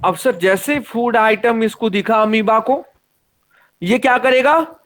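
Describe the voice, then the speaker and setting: Man, teacher, high voice, keeps asking students questions. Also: slow pace, a bit bright. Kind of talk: online class lesson.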